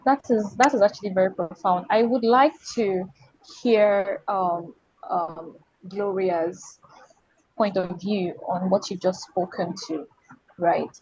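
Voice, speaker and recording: A woman's voice: mid-range voice, fairly even intonation, slow pace, a little mellow, breathy edge, dry recording, highs cut off. A woman hosting an online panel over a video call, circling back and restarting her questions. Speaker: panel host.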